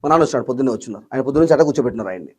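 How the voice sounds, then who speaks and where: A young man, a guest in an interview, telling an emotional story fast and in an agitated way, acting out the voices of the people he quotes. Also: mid-range voice, lively intonation, slightly rough.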